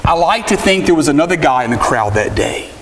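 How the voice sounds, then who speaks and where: A man's voice: lively intonation, a little fast, a bit bright. A male pastor preaching a sermon, retelling Bible scenes vividly and calling out the crowd's cries in a raised voice. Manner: storytelling, voices crowd cries with rising pitch. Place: church sanctuary. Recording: hissy recording with long hall reverb.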